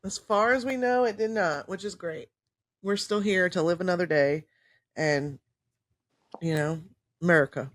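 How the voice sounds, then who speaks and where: A woman's voice: lowish voice, normal speed, long pauses. A woman co-hosting a casual podcast from home in her morning voice, chatty and laughing often, with fillers, over a video call. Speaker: podcast co-host. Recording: level drops in and out.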